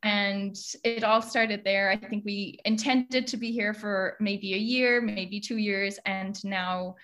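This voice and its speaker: A woman's voice: mid-range voice, fairly even intonation, takes it slowly, fairly bright tone. A woman around thirty from Galway with a west of Ireland accent, chatting casually and effusively as an interview guest. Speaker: podcast guest, social media professional.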